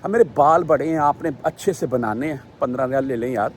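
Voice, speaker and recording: A man's voice: mid-range voice, a little hiss or hum. A man from Pakistan, vlogging outdoors on a city street and animatedly retelling an argument before turning to lecture his listeners. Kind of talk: casual storytelling vlog.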